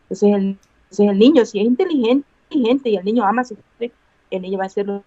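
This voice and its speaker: A woman's voice: mid-range voice, fast, warm tone, dry recording. A woman educator answering interview questions over a video call, earnest, repeating key words and acting out the things she says to children. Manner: acts out quoted dialogue with children. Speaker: guest educator and teacher. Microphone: remote video call. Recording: dull lo-fi call audio.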